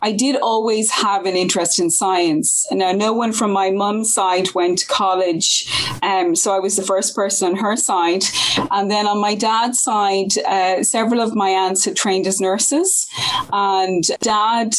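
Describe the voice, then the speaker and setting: A woman's voice: mid-range voice, steady tone, a little slow, low-quality recording. A woman in her forties with a west of Ireland accent, chatting effusively as an interview guest and recalling her own life. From Galway, west of Ireland. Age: 40s. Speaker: podcast guest, science academic. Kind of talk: conversational interview, personal recollection.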